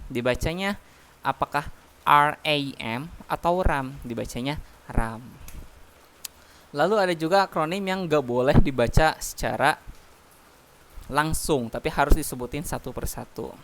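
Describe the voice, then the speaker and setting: A man teaching an English class from home, explaining patiently with many fillers. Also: medium pitch. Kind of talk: online English class, mixing Indonesian and English. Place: home, heavy rain outside. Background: rain noise.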